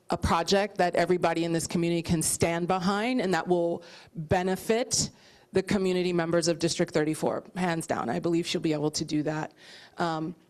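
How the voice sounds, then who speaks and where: A woman council member confidently commenting on housing policy at a community meeting. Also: fairly low pitch. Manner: confident, policy-focused, some "um"s. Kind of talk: remarks at a public meeting.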